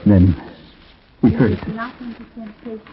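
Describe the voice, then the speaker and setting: In a tinny, muffled 1940s radio recording, an actor plays a troubled man narrating an eerie story in period radio drama style. His voice is high, with huge pitch swings, drawn-out words and exaggerated delivery. The telling is reflective and conversational, haunted and subdued, with hesitant asides.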